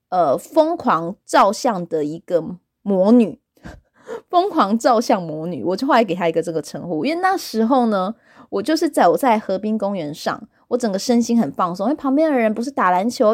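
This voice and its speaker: Woman, casual storytelling host, bouncy pitch, dry close sound. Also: no echo. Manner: animated, acts out quoted voices. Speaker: podcast host.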